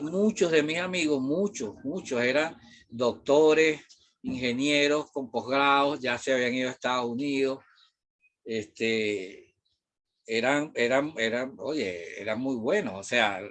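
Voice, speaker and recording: A middle-aged Venezuelan man speaks as a math teacher in a casual, digressive classroom talk. His pitch sits in an ordinary middle range, and he loops through fillers and mild curses as he goes. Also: fairly bright tone. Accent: Venezuelan Spanish. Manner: rambling, digressive, with frequent fillers and mild swearing.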